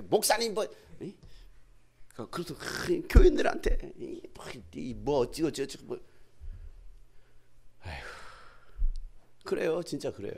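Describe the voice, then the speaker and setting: A man's voice: medium pitch, gravelly. A male pastor preaching a sermon in a church, full of rhetorical prompts to the congregation.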